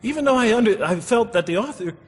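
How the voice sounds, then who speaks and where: A man's high, expressive, slightly rough voice moves at a quick pace as he lectures publicly on scripture, driving points home by repeating phrases. He is a religious lecturer in a large hall, recorded with heavy echo and long reverb.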